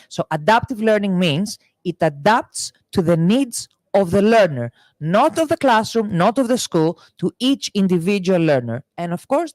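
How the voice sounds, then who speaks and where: A woman's voice: lowish voice, a little mellow, no echo. Earnest woman explaining at length. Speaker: guest from an education company. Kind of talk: conference interview.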